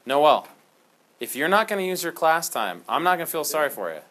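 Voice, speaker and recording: A man teaching a history class in a classroom, talking in an animated, jokey way and slipping into dramatic storytelling. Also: fairly high pitch, brisk. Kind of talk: classroom lecture.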